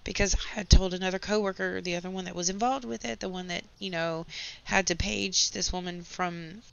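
A woman's voice: on the low side, steady tone, a little fast, gravelly, clean tone. A woman hosting a gaming channel, telling a long, candid work story in casual talk over gameplay. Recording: slightly dull lo-fi audio.

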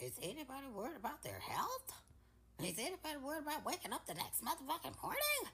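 A woman's voice: high-pitched, huge pitch swings, fast talker, fairly bright tone. A woman ranting to camera with exasperated rhetorical questions. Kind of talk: casual rant to camera.

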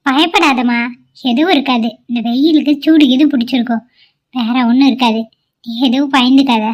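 Here a high-pitched woman, talking a little fast with fairly level intonation, performs a cartoon role: a fretful, caring middle-aged mother-in-law. She soothes and worries by turns and invokes god.

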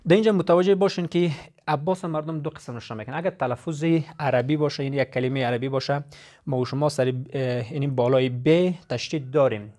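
A man's voice: medium pitch, a little mellow. A man teaching a lesson, explaining step by step and repeating each point. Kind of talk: classroom lesson.

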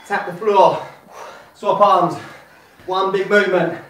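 A man's voice: sits high, steady tone, takes it slowly. A British man co-hosting a live home workout, joking around and pushing viewers with countdowns. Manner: jokey, pushing with countdowns and shout-outs. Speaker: fitness co-host. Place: echoey room at home. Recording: echoey room, distant mic, faint hiss.

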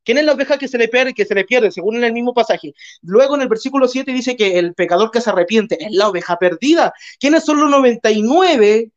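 A man's voice: very high voice, expressive, fairly quick. Man, debate voice, mocking, rhetorical questions, muffled call audio. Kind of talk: heated online debate.

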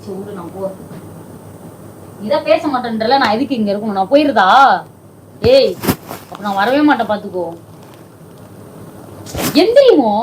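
A woman's voice: medium pitch, normal speed, long pauses, darkish tone, a little hiss or hum, poor audio. A woman who keeps pleading and scolding in a comedy sketch at home. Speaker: comedy video creator.

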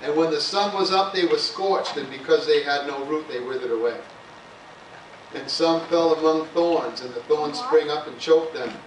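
Pastor preaching in an echoey church. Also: male voice, fairly high pitch, normal speed. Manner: conversational preaching, peppered with "amen" and "hallelujah". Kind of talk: sermon. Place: church sanctuary. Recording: echoey church room, voice from far off, faint hiss.

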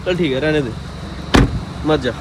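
A man's voice: on the high side, a little slow. A young man in his twenties, vlogging casually from inside a car, coaxing and teasing his girlfriend and then growing exasperated. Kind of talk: casual vlog chat while driving. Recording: faint outdoor traffic noise. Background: car and street sounds.

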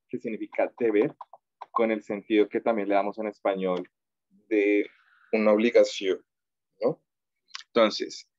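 A man teaching an online French class, drilling verb forms slowly and patiently. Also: lowish voice, no room sound, muffled recording. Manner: slow, patient drilling of conjugations. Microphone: video call.

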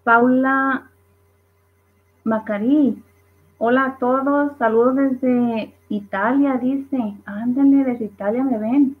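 A woman's voice: high-pitched, steady tone, slow. Woman reading live chat, tinny sound. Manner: reads viewer comments aloud with laughs. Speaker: livestream host. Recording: tinny phone-like livestream audio.

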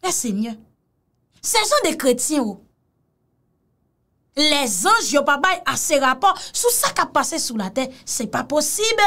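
Woman, mocking reaction commentator; high, very animated delivery. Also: unhurried, pauses often. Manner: mocking and exclamatory, repeats phrases, mixes in Creole. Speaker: commentator reacting to a video clip.

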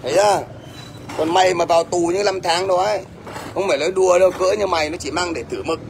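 A man's voice: high-pitched, quick pace, creaky. Blunt scolding middle-aged Vietnamese man. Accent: Northern Vietnamese. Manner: blunt, scolding, repeats "thấy chưa?". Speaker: livestreamer. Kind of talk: ranting livestream to viewers. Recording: faint background noise.

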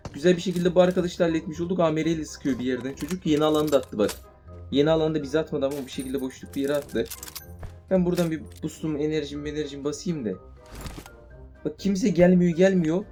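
Excitable young man narrating his gameplay fast. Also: on the high side. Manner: excitable, shouts and swears in fights, then calms down. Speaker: mobile game streamer. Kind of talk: live gameplay commentary. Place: indoors at home playing on a tablet. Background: game gunfire and music.

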